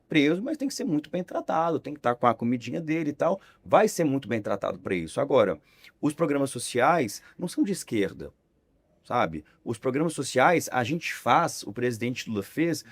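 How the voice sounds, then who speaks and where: Animated, sarcastic young Brazilian man. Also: medium pitch. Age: 20s. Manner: animated, sarcastic, lively intonation. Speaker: podcast guest, young politician. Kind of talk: casual podcast conversation.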